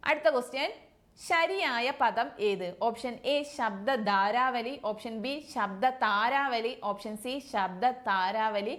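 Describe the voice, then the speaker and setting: A woman from Kerala teaching an exam prep language lesson, reading each multiple-choice option and then confirming the answer with a steady "okay, next". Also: a little high. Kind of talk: quiz-style language lesson.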